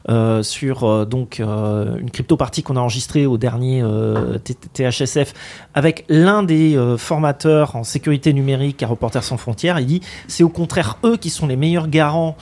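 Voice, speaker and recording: A man's voice: medium pitch, moderate pace, a little mellow. A man talking casually as co-host of a discussion show, with many hesitations.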